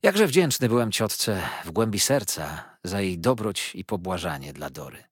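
A man narrating a literary audiobook in the first person, with expressive storytelling. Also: low voice, unhurried, breathy edge, no room sound, studio quality.

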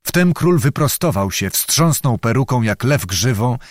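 A man narrating an audiobook in a measured, dramatic storytelling manner. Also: mid-range voice, expressive, no echo, clean studio sound. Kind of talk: scripted narration.

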